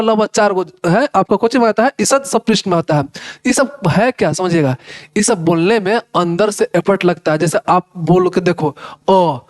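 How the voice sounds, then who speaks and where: Man, teacher, casual Hinglish-style lecture, high-pitched voice, chatty and repetitive, keeps checking the class follows. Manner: repeats "है ना" and "भाई साहब", sounds out letters; conversational, addresses students directly.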